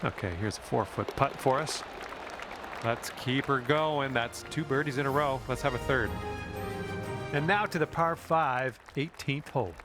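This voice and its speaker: A man playing a calm golf commentator in a video game, encouraging the player directly. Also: medium pitch, measured pace, natural voice. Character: friendly adult male golf announcer. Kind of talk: scripted golf play-by-play. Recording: game audio with music and crowd. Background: music and crowd noise.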